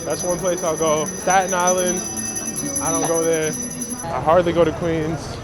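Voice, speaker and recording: Loud music sits behind this young Brooklyn street photographer, a man in his 20s, as he answers interview questions in a relaxed, thoughtful, slang-heavy way. His pitch is fairly high but barely moves, and he takes his time. He's outside on a city street, with traffic noise and passing vehicles filling the background.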